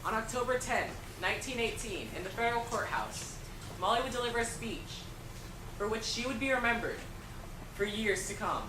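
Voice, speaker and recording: A woman's voice: fairly high pitch, animated, moderate pace. A woman reading scripted historical narration. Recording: echoey, distant, clear background noise.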